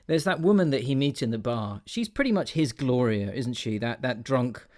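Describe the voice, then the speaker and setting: A man hosting a casual movie podcast at a middle pitch. He talks in a loose, rambling way, circling back and restarting his thoughts as he leads the chat. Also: normal speed. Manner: relaxed, rambling, restarts often. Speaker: podcast host.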